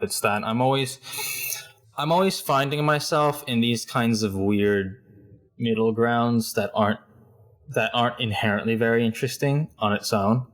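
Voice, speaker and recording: A young man from Hong Kong, a guest in a casual interview, talking thoughtfully about himself with a self-deprecating humor and many restarts. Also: mid-range voice. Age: young adult.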